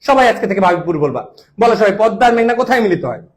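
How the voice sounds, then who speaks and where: Brief: upbeat young male tutor with a high voice, drilling facts through jokes. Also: very animated, fast. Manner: playful, jokey mnemonics and call-and-response questions. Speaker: medical admission tutor. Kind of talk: online exam-prep class.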